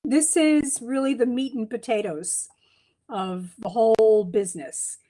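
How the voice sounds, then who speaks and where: A woman's voice: fairly high pitch, measured pace, mellow. A middle-aged woman giving a chatty slide lecture from home over a webcam, with many ums and restarts. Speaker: beekeeping speaker. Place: home room, indoors. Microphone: webcam on a video call.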